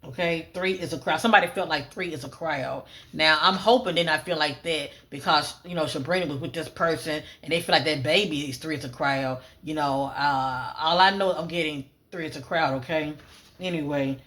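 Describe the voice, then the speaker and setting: Psychic reader host, mid pitch, casual monologue of choppy keyword cues, repeats and rereads often. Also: a little fast, a bit bright. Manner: lists clipped fragment cues, often "I'm getting"; casual, repeats phrases, frequent "um" fillers. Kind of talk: solo psychic reading, spoken monologue.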